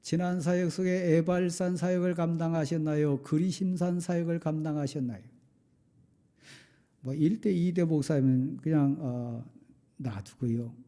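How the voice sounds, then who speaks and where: A middle-aged man preaching from the pulpit, his slightly high voice carrying a very dark, mellow color. He presses rhetorical questions with force, then softens into quiet confession. It is a pastor's sermon delivery throughout. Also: fairly even intonation, moderate pace. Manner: emphatic preaching with rhetorical questions, dropping to soft confessional tones. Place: church sanctuary.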